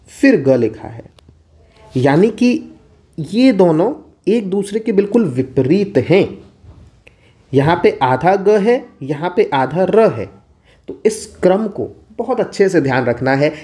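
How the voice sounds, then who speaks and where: Male tutor, warm low tone, patient exam-prep explainer who talks to himself in questions. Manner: asks and answers his own questions. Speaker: teacher. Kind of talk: exam-prep Hindi lesson.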